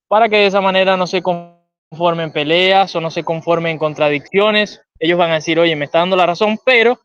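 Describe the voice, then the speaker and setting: A man from Venezuela with a Venezuelan accent, a guest calmly explaining a philosophical idea in conversation. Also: high-pitched, clear, resonant tone, no echo, highs cut off.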